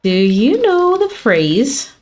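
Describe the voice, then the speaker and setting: Sassy, animated woman gamer. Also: on the high side, takes it slowly. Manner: playful, sassy, mock-dramatic talking to the game. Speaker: gaming streamer. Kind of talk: let's play commentary.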